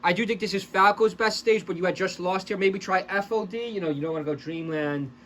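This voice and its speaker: A man giving casual, excitable play-by-play commentary over fighting game footage, breaking off into chatty asides to his viewers. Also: high-pitched, brisk, slight background noise. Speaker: esports commentator and channel host.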